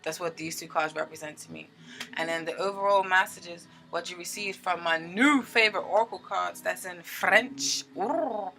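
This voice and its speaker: A woman giving a casual tarot reading, chatty and animated, often checking in with her listeners. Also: on the low side, fairly quick, faint music behind. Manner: chatty, animated, with filler words and frequent "okay?" check-ins. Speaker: tarot reader.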